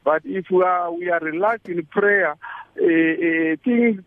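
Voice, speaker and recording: Male caller, South African Zulu accent, high pitch, tinny phone sound; halting, repetitive testimony mixing English and Zulu. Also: no room sound. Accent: South African Zulu-language. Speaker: caller to a religious radio show. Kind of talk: personal testimony, casual and conversational. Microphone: telephone.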